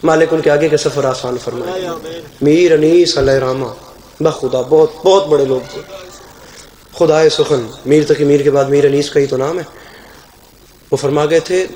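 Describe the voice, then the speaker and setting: A man's voice: a little high, steady tone, long pauses, dark tone. A man with a Pakistani Urdu accent, preaching a fervent, declamatory majlis sermon from a pulpit microphone at a live gathering, his voice rising into emotional outcries. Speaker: zakir preaching at a mourning gathering. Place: live religious gathering in a hall. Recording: echoey hall over a PA system.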